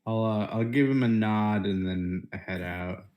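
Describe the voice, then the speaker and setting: A man's voice: fairly low pitch, unhurried, dull audio. A man chatting casually as a player in a tabletop role-playing game.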